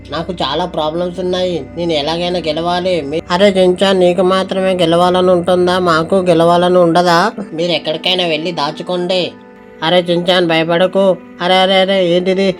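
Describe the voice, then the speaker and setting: Excitable man narrating a game. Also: high voice. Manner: excitable, many exclamations. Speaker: gameplay narrator. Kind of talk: excited gameplay commentary.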